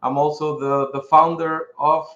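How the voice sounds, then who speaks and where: Speaking as a podcast interview guest, a middle-aged Puerto Rican pharmaceutical executive talks casually with a Puerto Rican accent. His voice sits on the high side, level and a bit bright, at a measured pace, in a recording with roomy echo and a slightly dull quality.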